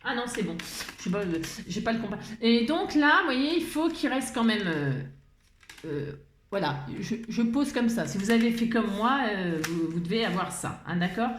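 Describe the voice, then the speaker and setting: Hosting a laid-back crafting tutorial, a woman with an animated mid-range voice talks at normal speed, rambling, switching thoughts mid-sentence and chuckling frequently. Faint background noise and a roomy echo are audible.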